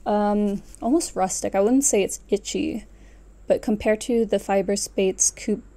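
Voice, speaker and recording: Speaking unhurriedly with a warm, mid-range voice and fairly even intonation, a woman in her twenties vlogs about knitting. She chats casually to camera from a small furnished room at home, rambling and self-correcting.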